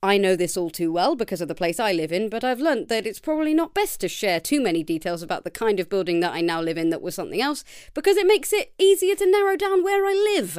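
Woman, solo podcast host, lively swooping pitch, dry close recording, tired and chatty. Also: clean tone, no room sound. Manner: chatty and self-deprecating, lively. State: tired, late at night. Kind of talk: casual solo podcast reading listener challenges.

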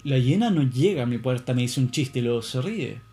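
A man's voice: medium pitch, lively intonation, fairly quick, mellow. A man in a casual monologue, rambling and musing with plenty of swearing.

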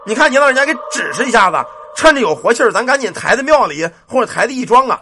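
A man voicing a fussy lady of the house who talks in a hurried, urgent way. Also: very high voice, very animated, bright, forceful tone, a little hiss or hum, full character voice. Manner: hurried and fussing.

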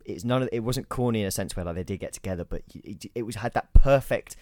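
A man's voice: lowish voice, quick pace, a little mellow, no room sound. A young man, chatting enthusiastically on a podcast, hesitating and repeating himself often. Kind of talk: casual chat.

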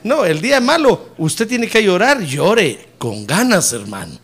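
A middle-aged male pastor preaching a sermon with humor, swinging from loud emphatic peaks down to low soft asides. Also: big pitch swings, unhurried, slightly rough. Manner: preaching with humor, rising loud on key points and dropping low and soft on "hermano".

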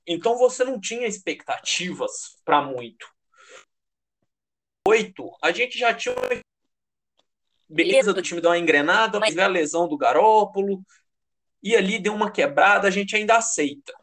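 A man with a high-pitched voice and a Brazilian Portuguese accent talks sports casually and heatedly. He is slangy and emphatic, swears freely and repeats phrases to drive his point home. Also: expressive, moderate pace, a bit bright. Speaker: American football fan commentator.

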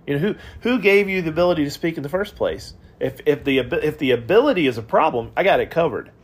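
A man hosting a podcast Bible study, teaching in a relaxed conversational way and retelling scripture in everyday words. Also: a little high, fast, slightly rough.

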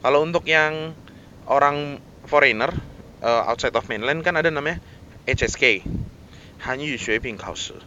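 A man's voice: fairly high pitch, normal speed, pauses often, pushed and bright, lo-fi sound, a little hiss or hum. A man with a Jakarta Indonesian accent ranting casually to camera, mixing in English words and lots of fillers. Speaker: vlogger.

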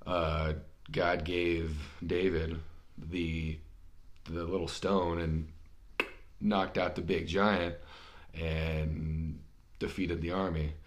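Low-voiced stammering podcast host man. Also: level tone, extremely slow, long pauses. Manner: encouraging, stammers and repeats words. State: slightly hoarse from illness. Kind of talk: casual conversation.

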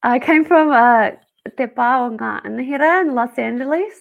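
Upbeat New Zealand woman with vocal fry. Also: high voice, moderate pace, narrow, tinny audio. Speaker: guest. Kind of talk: casual interview chat.

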